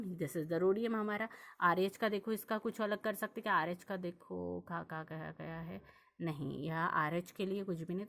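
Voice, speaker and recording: A woman's voice: fairly low pitch, fairly bright tone. Woman teaching chemistry, asking questions. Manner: repetitive, checks understanding with questions. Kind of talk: classroom lesson explaining on a board.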